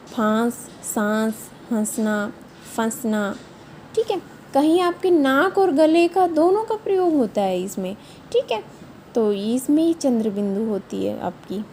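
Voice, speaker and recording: A woman's voice: high voice, warm tone, slight background noise. A woman teacher giving a patient, step-by-step revision lesson to young children, often checking in with short questions. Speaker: primary school teacher.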